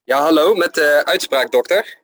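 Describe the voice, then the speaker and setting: A man's voice: on the high side, normal speed, heavy background noise. A man giving pronunciation feedback in casual chat, hesitant and full of fillers. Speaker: pronunciation coach.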